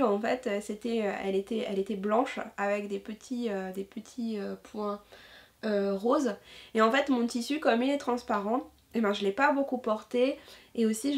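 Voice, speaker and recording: A woman with a fairly high voice talks casually as a sewing vlogger. She is chatty and enthusiastic, often pausing on fillers and restarting her sentences. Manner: hesitant, many filler sounds and restarts. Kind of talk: casual chat.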